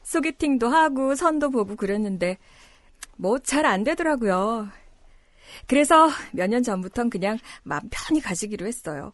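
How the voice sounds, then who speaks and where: A woman voice actor playing a shy female dorm supervisor in her thirties, speaking softly in an audio drama. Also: fairly high pitch, animated, normal speed, dry recording, close to an everyday voice. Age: 30s. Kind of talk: Korean audio drama acting.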